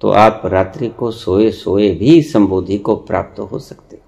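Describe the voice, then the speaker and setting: A man giving a spiritual discourse, slow and deliberate with long pauses, lecturing and rebuking his listeners. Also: lowish voice, creaky, a little mellow. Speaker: spiritual teacher.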